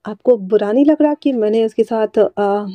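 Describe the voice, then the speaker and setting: A woman's voice: on the high side, moderate pace, dry recording, natural voice. A woman voicing a stern, awkward young man who speaks curtly and stammers. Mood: flustered. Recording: dull lo-fi dry recording.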